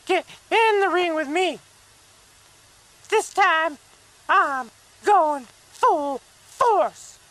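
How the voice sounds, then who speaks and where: A performer voicing a small, earnest cartoon wrestler who haltingly delivers an aggrieved wrestling promo, stumbling over the words. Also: very high voice, lively intonation, a bit bright, heavily acted. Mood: angry, challenging.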